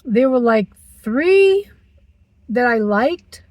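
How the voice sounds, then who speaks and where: A woman's voice: fairly high pitch, sing-song, extremely slow, darkish tone, no room sound, low-quality recording. A woman in her sixties vlogging from her parked car, chatty and teasing herself as she talks. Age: 60s. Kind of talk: casual chatty vlog.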